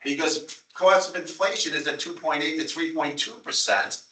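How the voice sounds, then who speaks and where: A man's voice: a little high, normal speed, sharp tone. A man with a Long Island accent arguing budget figures at a public board meeting, insistent and repetitive. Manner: insistent, repeats himself, apologetic but pressing. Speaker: town representative on a transit board. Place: meeting room. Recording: echoey meeting room from far off.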